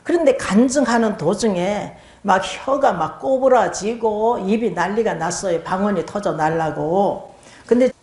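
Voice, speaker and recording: A woman's voice: medium pitch, a little slow, a little mellow. An older woman pastor giving a testimony sermon, telling her story with animation and acting out prayers and pleas in other voices. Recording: echoey room.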